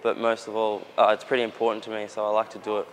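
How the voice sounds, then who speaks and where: A man's voice: lowish voice, completely flat delivery, fast. A young Australian soccer player answering interview questions in an earnest, casual way, often restarting his sentences. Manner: earnest, with frequent restarts and fillers. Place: outdoors near a gym in a built-up area.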